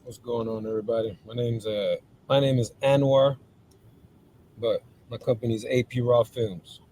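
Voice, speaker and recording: A man's voice: medium pitch, fairly even intonation, normal speed, dark tone, a little hiss or hum. A man from Colombia, raised in Miami, answering interview questions in a thoughtful, hesitant way. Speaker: interview guest. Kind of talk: casual interview chat.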